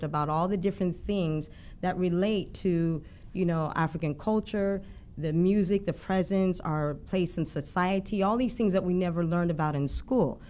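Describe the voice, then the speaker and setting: Woman, musician guest, lowish voice, reflective, long run-on sentences, faint rumble. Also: a little mellow. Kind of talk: conversational interview.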